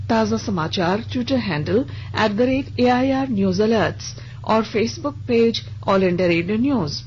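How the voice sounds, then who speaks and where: A woman reads a scripted regional radio news bulletin in a mid-range, slightly mellow voice. The broadcast sounds dull and lo-fi, with hiss.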